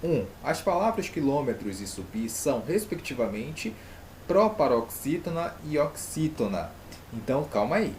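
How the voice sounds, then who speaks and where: A man's voice: a little high, big pitch swings, normal speed, darkish tone, a little hiss or hum. A man with a Brazilian Portuguese accent, teaching an online grammar lesson and putting rhetorical questions to his pupils.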